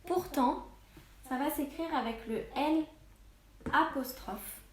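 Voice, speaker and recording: A woman teaching a reading lesson and dictation to young children, articulating each word slowly and with stress. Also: high-pitched, roomy sound. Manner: slow, carefully articulated, stresses each syllable. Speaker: primary school teacher.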